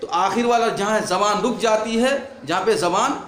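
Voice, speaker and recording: A man with a fairly high voice teaches a class, sounding out words and repeating them. He keeps asking his pupils questions and answering them himself. The room is echoey and roomy around him. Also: moderate pace, fairly bright tone. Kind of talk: classroom lesson on spelling.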